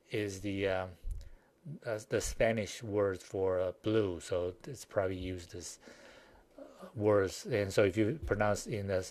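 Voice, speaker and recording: A man teaching a recorded university lecture, speaking haltingly with many fillers and restarts and a Chinese accent. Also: fairly low pitch. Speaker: university professor.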